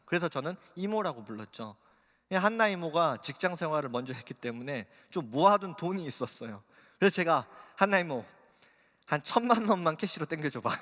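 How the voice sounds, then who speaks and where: High-voiced man preaching in an echoing church. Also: fairly bright tone. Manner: emotional storytelling, rising to fervent intensity. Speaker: pastor. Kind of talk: sermon testimony. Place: church sanctuary. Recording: long reverb of a church hall.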